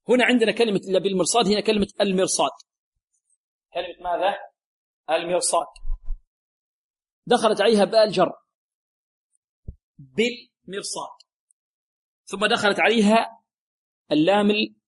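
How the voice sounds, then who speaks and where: Male tajweed teacher, high pitch, runs a question-and-answer lesson. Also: low-quality recording. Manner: explains rules, asks pupils questions and gives the answers. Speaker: Quran recitation teacher. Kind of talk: tajweed lesson with call and response. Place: radio lesson.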